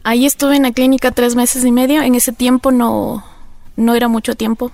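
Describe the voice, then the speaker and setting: A woman's voice: on the high side, level tone, moderate pace, creaky, a little mellow, no room sound. A woman with an Ecuadorian accent, candidly telling her personal recovery story in an interview, rambling with many fillers. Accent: Ecuadorian Spanish. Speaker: interview guest.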